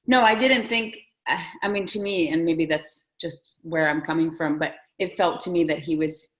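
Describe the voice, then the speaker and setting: A woman's voice: sits low, normal speed, poor audio. A woman from the Soviet Union in a casual film discussion, talking thoughtfully and hedging her opinions. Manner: thoughtful, hedging, restarts often. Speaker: discussion guest.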